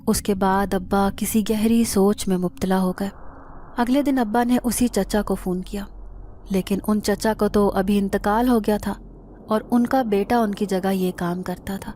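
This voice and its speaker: A woman narrating a scripted first-person horror story in a steady, dramatic manner. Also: mid-range voice, a little hiss or hum.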